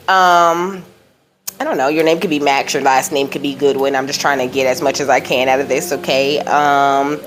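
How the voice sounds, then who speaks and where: A low-pitched woman gives a casual psychic card reading as a tarot reader, rambling and reassuring as she relays messages from Spirit. She keeps dropping in "you know" and "okay?"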